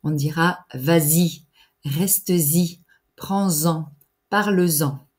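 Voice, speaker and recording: Woman, unhurried language teacher, precise diction. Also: low-pitched, darkish tone. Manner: deliberate, articulated teacher's delivery with pauses for exercises. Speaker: French teacher. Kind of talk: slow, clear grammar lesson.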